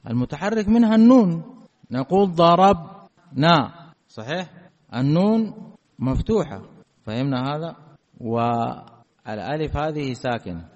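A man's voice: a little high, animated, dark tone. Male grammar teacher in a reverberant hall. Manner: asks students rhetorical check questions; slows to stress example words. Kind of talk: classroom grammar lesson. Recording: reverberant hall, dull lo-fi sound.

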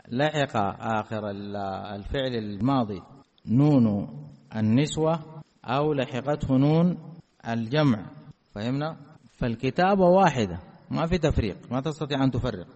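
A man teaching an Arabic grammar lesson. He keeps asking his students check questions and slows down to stress each example word. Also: medium pitch, darkish tone. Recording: reverberant hall, dull lo-fi sound.

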